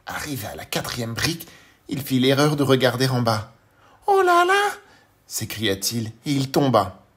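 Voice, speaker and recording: A male storyteller with a medium-pitched voice narrates a children's audiobook. He speaks slowly, gently and expressively, as if addressing a young listener.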